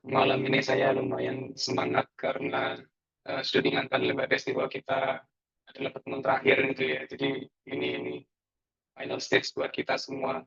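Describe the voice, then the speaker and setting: A man lecturing an online class, his voice coming through choppy and robotic over a bad call connection, halting and apologetic. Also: mid-range voice, vocal fry, fairly bright tone. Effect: choppy robotic glitching voice from a bad call connection. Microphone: video call headset. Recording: dull lo-fi video call audio.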